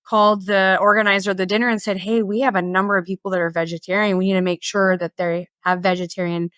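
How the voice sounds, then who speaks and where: A woman's voice: medium pitch, level tone, fast, fairly bright tone, no echo. A woman hosting an interview podcast, speaking thoughtfully, often restarting her sentences as she sums up points. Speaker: podcast host. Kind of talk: conversational interview.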